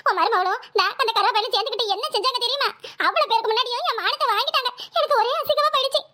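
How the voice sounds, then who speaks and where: A woman voicing a complaining middle-aged woman, lamenting dramatically. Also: sharp tone. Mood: aggrieved. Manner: dramatic lamenting, fast high chatter. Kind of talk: cartoon voice acting.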